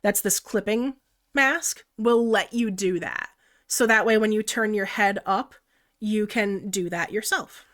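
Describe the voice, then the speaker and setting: With a mid-range, fairly bright voice at a measured pace, a young woman with flu congestion talks through her digital art on a live stream. She's chatty and giggly and keeps reading the chat aloud.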